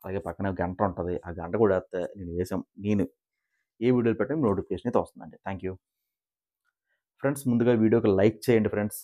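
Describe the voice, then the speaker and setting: A man's voice: on the low side, fast. A man, chatting casually as he recaps a reality show like gossip for his viewers. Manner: animated gossiping storyteller, asks viewers to like and subscribe.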